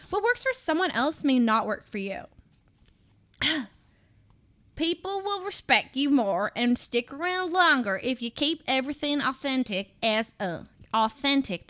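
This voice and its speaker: A woman streamer with a somewhat high voice reads a book aloud in a casual, playful accent exercise. She moves between Southern, British and valley girl accents, restarting words and adding off-hand asides as she reads. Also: a bit bright. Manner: stumbles and restarts while reading. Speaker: live streamer.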